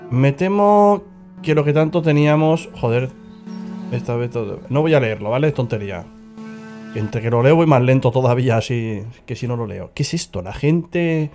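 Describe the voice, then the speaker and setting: A man's voice: medium pitch, animated, normal speed, a little mellow, faint music behind. A man with a Spain Spanish accent, playing a video game and joking and swearing as he reacts to what happens on screen. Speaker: gaming channel host. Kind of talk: casual let's-play commentary.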